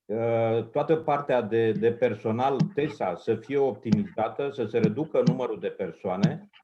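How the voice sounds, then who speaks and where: A council member speaking up in a meeting, arguing earnestly with figures and pausing with fillers. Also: male voice, mid-range voice, warm tone, dull audio, slight background noise. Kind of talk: spoken intervention in a meeting. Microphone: remote microphone.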